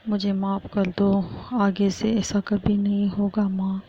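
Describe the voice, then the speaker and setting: A woman's voice: medium pitch, monotone, takes it slowly, mellow, breathy edge. A woman voicing a meek ten-year-old girl who begs and pleads, on a muffled lo-fi recording. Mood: pleading. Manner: pleading, begging forgiveness.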